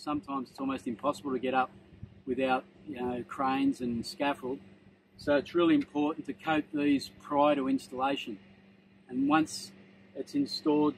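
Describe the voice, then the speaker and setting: A man's voice: mid-range voice, creaky, noisy background. A man in his thirties with an Australian accent, giving a plain, practical product demonstration outdoors on a roof. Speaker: product presenter. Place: outdoors on a sunny metal roof.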